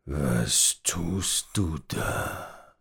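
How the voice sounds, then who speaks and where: A menacing old farmer, voiced by a man, growls every word slowly. His voice is rough and gravelly, dragged out with heavy pauses, like a storybook grump. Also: extremely low pitch, expressive, a bit bright, pitched below the performer's own voice, full character voice. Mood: growling.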